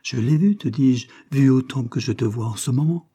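A man's voice: on the low side, normal speed, warm tone, breathy edge. A man reading the part of a shaken young man on the run, who speaks urgently and insistently. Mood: agitated, insistent.

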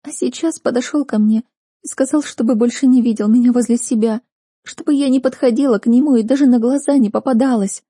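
A woman's voice: fairly high pitch, fairly even intonation, fairly quick, dark tone, slightly rough, no echo, clean studio sound, voice pushed up. Woman putting on a weepy, sniffling young sister. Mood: tearful. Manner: sniffling, whiny nasal pleading. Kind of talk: audiobook reading.

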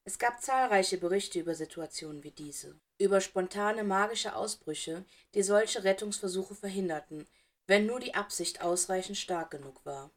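A woman's voice: medium pitch, normal speed. A woman reading fan fiction aloud with dramatic, emotive narration. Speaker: audiobook reader.

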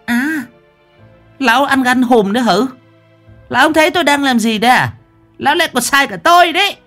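Brief: a bossy, shrill village chief's wife, sarcastic nagger, storybook tale. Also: male voice, lively intonation, a little fast, pushed and bright, soft background music, heavily acted. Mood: scolding. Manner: scolding, sarcastic nagging.

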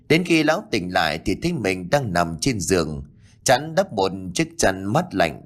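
A male storyteller narrates a horror audiobook dramatically. His voice is low and moves lively up and down in pitch.

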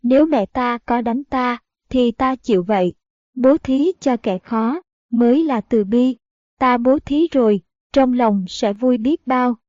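Woman reading as a gentle young noble girl. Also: a little high, unhurried, no room sound, close to an everyday voice. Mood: earnest. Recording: dull, dry audiobook recording.

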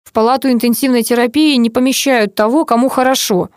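A woman reading the part of a flustered male head doctor who shouts and snaps at times. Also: on the high side, normal speed, dry recording, studio quality, lightly acted. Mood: shouting. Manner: shouting, flustered, then curt. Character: agitated middle-aged male head doctor.

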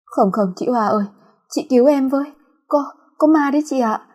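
A panicked young woman shrieks and stammers in a storybook horror tale, her voice pitched high and loud. The tone underneath stays mellow and a little husky, as a woman acts her out. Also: moderate pace. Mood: terrified. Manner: frantic, stammering pleas.

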